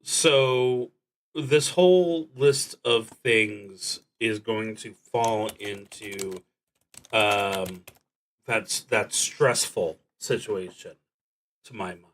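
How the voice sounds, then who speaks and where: A man streams himself playing a solo roleplaying game, reading prompts and thinking aloud in a halting, deliberate way and occasionally murmuring to himself. His voice is fairly low and a bit bright.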